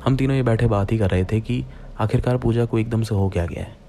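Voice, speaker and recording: A man's voice: lowish voice, brisk, dark tone, slight background noise. A young man narrating a true-style horror story in the first person, speaking directly to his listeners as friends in a plain retelling voice.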